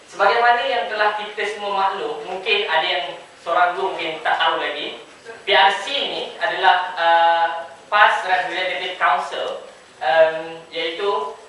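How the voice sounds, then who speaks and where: A young student panelist giving a formal forum talk, measured, with many fillers and okays. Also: medium pitch, bright, forceful tone, far from the mic, slight background noise. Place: large echoing hall. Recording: echoey hall, voice from afar.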